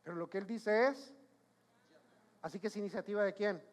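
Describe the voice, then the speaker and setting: A man's voice: sits high, a little fast. A man preaching a sermon as pastor, emphatic, repeating his points and questioning the congregation.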